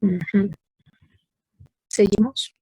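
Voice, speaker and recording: A woman's voice: mid-range voice, fairly even intonation, drawn-out words, a little mellow, slightly rough, dry recording. Lady teacher on a video call, patient and correcting, dry close sound. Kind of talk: online class review, giving feedback.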